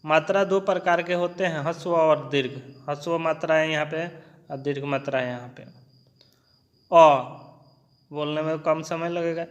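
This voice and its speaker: A man teaching an exam prep lesson, slow and deliberate, repeating key points and spelling out examples one by one. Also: a little high, steady tone, lo-fi sound. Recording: long reverb, echoey room.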